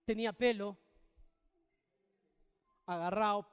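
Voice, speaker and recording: Peruvian pastor guy preaching, high voice, acts out all the dialogue. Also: fairly even intonation, takes it slowly, smooth, in a large hall. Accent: Peruvian Spanish. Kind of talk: storytelling sermon.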